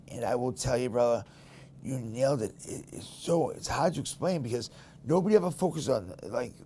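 A podcast host with a Boston accent talks bluntly and candidly in casual conversation, telling stories with real animation. His voice sits at a medium pitch, and there's slight background noise.

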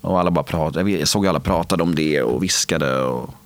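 A man in his late twenties, speaking candidly in an interview, halting with many fillers and restarts. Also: rumbling low, no room sound.

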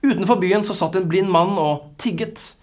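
A preacher delivering a sermon with a husky voice, swinging dynamics and phrases that fall to near-whispers. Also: mid-range voice.

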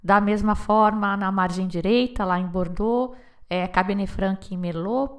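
A woman hosting a podcast, chatting casually and asking her guests follow-up questions. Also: medium pitch. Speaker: podcast host. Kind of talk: casual interview chat.

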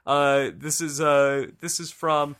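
A man's voice: on the high side, level tone, takes it slowly, fairly bright tone, clean tone. A man hosting a podcast, chatting casually and laughing often. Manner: laughs often, loose and joking. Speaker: podcast host.

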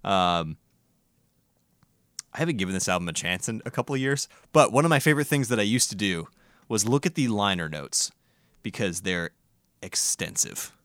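A man's voice: lowish voice, animated, moderate pace, a bit bright, no room sound, clean studio sound. A man hosting a casual music podcast, reviewing records in an enthusiastic, profane, rambling way.

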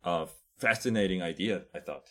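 Korean-accented man, halting interview answers. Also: sits low, sharp tone. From South Korea. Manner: halting, searching for words. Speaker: chocolate shop owner, guest.

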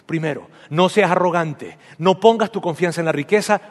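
Preaching at normal speed in a big-sounding church hall, a high-pitched pastor drives home his sermon with emphatic repetition. He leads his congregation in spoken declarations.

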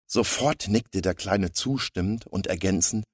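A man narrating a comic story in a steady storybook reading. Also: deep voice, measured pace, husky, dry recording, studio quality.

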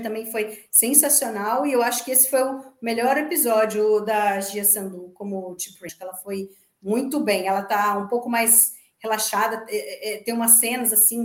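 A woman co-hosting a casual podcast chat, animated and acting out quoted lines. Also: medium pitch, roomy sound. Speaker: podcast co-host.

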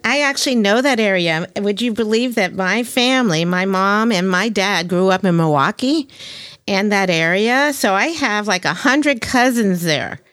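An eager, talkative woman hosts a casual podcast interview. She speaks at a mid-range pitch and laughs easily between her questions. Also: normal speed, fairly bright tone. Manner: enthusiastic, chatty, laughs often. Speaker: podcast host.

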